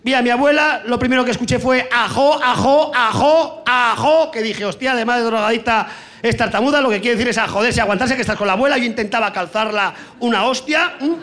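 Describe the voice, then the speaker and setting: A stand-up comic from Spain delivers a crude set, his extremely high voice moving fast. He throws out brash punchlines and abruptly shouts sound effects.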